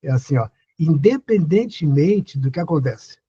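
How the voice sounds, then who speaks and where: Older host, husky and mellow, earnest advice talk, dull lo-fi sound. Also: male voice, a little high, animated, moderate pace. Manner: earnest, repeats questions to the listener. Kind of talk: casual advice talk on a live stream.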